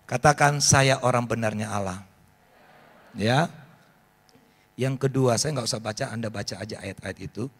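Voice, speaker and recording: A man, preaching a sermon as pastor and telling animated stories. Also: medium pitch, moderate pace, pauses often. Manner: animated storytelling, acts out voices of people in his stories.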